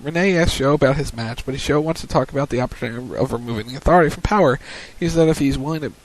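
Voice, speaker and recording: A man's voice: mid-range voice, rapid-fire, low-quality recording. Male radio co-host who retells wrestling segments and calls the match in commentator style, mid-range voice. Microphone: studio mic on a web radio show.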